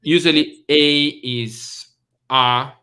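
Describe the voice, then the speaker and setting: A man's voice: fairly high pitch, steady tone, takes it slowly, bright, forceful tone, clean tone. A man with a Brazilian accent chats easily as the host of an interview. He wanders from one thought to the next, restarts sentences, and laughs often. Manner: chatty, laughs often, jumps between thoughts. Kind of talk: casual interview chat.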